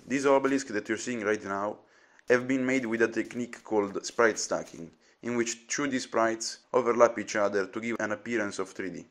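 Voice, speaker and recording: A man's voice: lowish voice, normal speed. A teenage man with an Italian accent, narrating a voice-over about making his game in an earnest, explanatory way. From Italy. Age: teens. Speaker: game developer.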